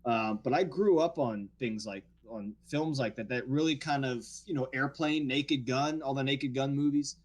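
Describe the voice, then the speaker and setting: Here a male actor from near New Orleans speaks in a mid-range voice at a moderate pace with few pauses, and the high frequencies are cut off. He's a guest on a laid-back podcast, telling animated stories with lots of restarts.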